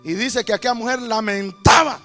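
High, fervent preacher man. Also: moderate pace, soft background music. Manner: fervent, rhythmic, bursts into shouts. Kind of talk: sermon.

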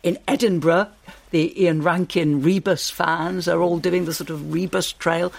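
Courteous radio host with gravelly voice. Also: male voice, a little high, fairly even intonation, measured pace. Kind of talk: hosting a live radio book club. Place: studio with live audience.

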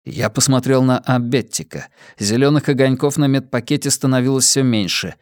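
A man narrating an audiobook in a steady, measured reading voice. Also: medium pitch, dry recording, studio quality.

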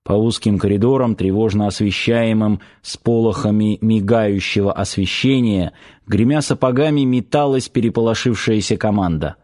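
A man narrating an audiobook in a steady, even storytelling voice. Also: fairly low pitch, normal speed. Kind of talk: scripted narration.

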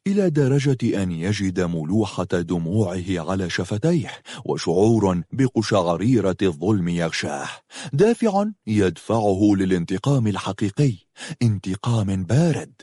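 A man narrating a novel aloud in an expressive, dramatic way. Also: low-pitched, normal speed, dry recording, studio quality. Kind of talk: audiobook narration.

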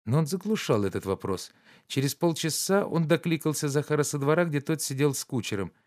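A man narrating a classic novel as an audiobook in a measured, even storytelling manner. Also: a little high.

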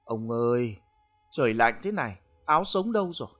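Man doing a shrill nagging village wife. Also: big pitch swings, normal speed, faint music behind. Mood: scolding. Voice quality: shrill, scolding. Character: nagging peasant wife, middle-aged.

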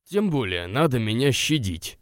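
A man's voice: mid-range voice, very animated, normal speed, dry recording, close to an everyday voice. A man reading aloud voices an irritable, stubborn young man who answers curtly. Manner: dry, curt, grumbling.

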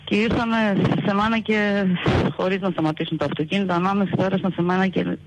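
A young woman calling in to a radio show, telling her story haltingly and retelling what people said. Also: mid-range voice, steady tone, noisy background. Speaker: caller. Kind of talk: telephone call to a radio show.

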